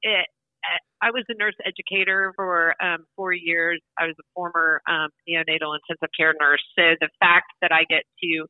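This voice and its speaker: A woman's voice: on the low side, dry recording. Female phone-in guest, chatty and explanatory, narrow telephone sound, dry. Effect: heard over the phone. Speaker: brewery guest on a radio show. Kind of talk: phone-in radio interview. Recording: tinny phone line, dry.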